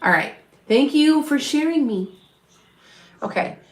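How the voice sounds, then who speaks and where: In an echoey room, a middle-aged psychic medium from Wisconsin talks slowly in a high voice with lively intonation. She rambles chattily through a live reading for her viewers, restarting often and wandering into asides, her Upper Midwest accent rooted northwest of Chicago.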